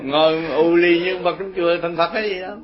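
An older Buddhist teacher gives an informal, rambling and folksy dharma talk to his followers, chuckling as he tells stories. His voice is high-pitched and fairly quick with fairly even intonation, captured in a dull lo-fi recording with a group of listeners behind him.

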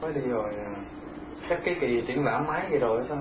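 A man chatting casually, chiming in with quick questions. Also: medium pitch, a crowd in the background. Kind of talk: casual chat. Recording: distant echoey lo-fi tape with loud hiss.

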